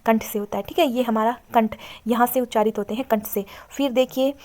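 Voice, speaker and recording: A woman teacher walks viewers through an exam-prep grammar lesson in a fairly high voice. Her pitch barely moves, keeping a flat, even line as she repeats points and tells viewers to look at the chart. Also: a little fast. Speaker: Sanskrit teacher.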